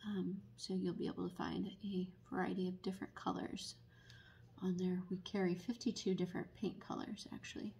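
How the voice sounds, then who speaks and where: Woman, painting tutor, slightly husky voice, casual how-to delivery with frequent ums. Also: on the low side, level tone, a little mellow. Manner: unhurried, many ums, explanatory. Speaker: painting instructor and paint retailer. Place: indoors at a table, painting.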